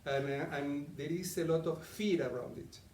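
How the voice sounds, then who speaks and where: Leading a live, interactive talk, a middle-aged Argentinian coaching presenter chats with the room and puts questions to his listeners. His slightly high, a little mellow voice moves at normal speed, picked up from some distance in an echoey meeting room with faint ambience and a little hiss or hum.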